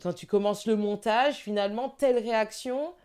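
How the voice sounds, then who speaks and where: A woman with a slightly low voice chats in a casual discussion. She is informal and emphatic, working out her thoughts as she goes. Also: moderate pace, dark tone, smooth. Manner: informal, emphatic, thinking aloud. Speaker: film director and screenwriter.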